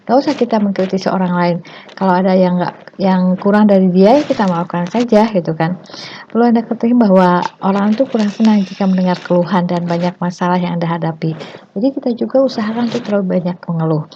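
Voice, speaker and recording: A woman giving a casual spoken lesson on self-confidence, chatty and full of tag phrases, sometimes acting out overdone greetings in a high squeal. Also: fast talker, dark tone. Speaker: teacher giving self-development tips. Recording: muffled low-fidelity sound with faint hiss.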